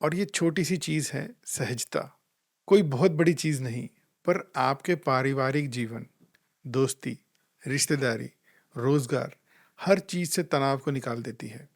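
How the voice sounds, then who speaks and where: A man giving a calm, reflective spiritual talk. He tells gentle anecdotes and acts out the voices he quotes. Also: medium pitch, unhurried. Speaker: spiritual life coach.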